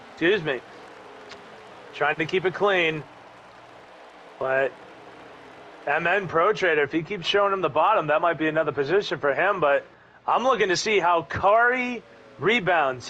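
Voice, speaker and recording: A man doing live play-by-play commentary of an online race, with an excitable manner. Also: high voice. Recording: dull lo-fi audio with faint background noise.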